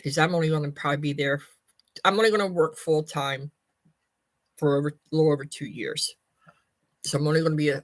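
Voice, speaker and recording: A woman in her fifties with a low-pitched, slightly bright voice gives her viewers a casual life update as a personal vlogger. Her folksy chat rambles, with frequent repeats and self-corrections, and there's no room sound.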